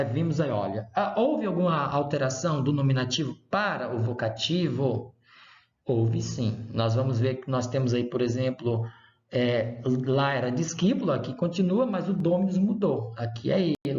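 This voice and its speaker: Brazilian male professor, lively, in a roomy space. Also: a little high. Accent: Brazilian Portuguese. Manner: didactic, repeats examples slowly, checks in with "né?" and "tá?". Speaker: university Latin professor. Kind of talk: recorded online lecture. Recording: roomy, dull lo-fi sound.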